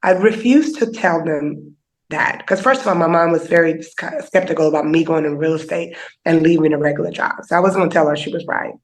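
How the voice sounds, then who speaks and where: A woman's voice: sits low, a little fast, poor audio. A woman speaking as a podcast guest, telling a personal story in a candid, conversational way, a little teary and emotional. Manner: candid and conversational, heavy on fillers like "you know".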